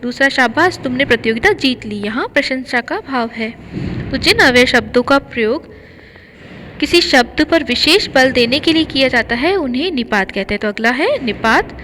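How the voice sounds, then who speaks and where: A woman's voice: sits high, lively intonation, moderate pace, a bit bright. A woman teacher explaining a grammar lesson step by step, reading out lists of examples. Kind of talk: grammar lesson for school students. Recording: reverberant room with faint ambient noise.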